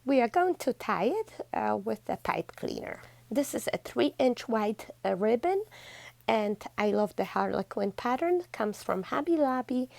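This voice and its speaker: A woman's voice: medium pitch, creaky, no room sound. A woman hosting a DIY craft tutorial, chatty and effusive toward her viewers, walking through steps one by one. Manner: chatty and effusive, warmly thanking viewers as "besties"; steady step-by-step instructions. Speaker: DIY craft channel host.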